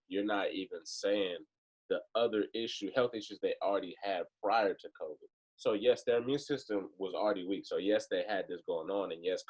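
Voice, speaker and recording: A man's voice: deep voice, darkish tone, rough recording. A man co-hosting a casual podcast chat, emphatic and given to crude jokes. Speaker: podcast co-host.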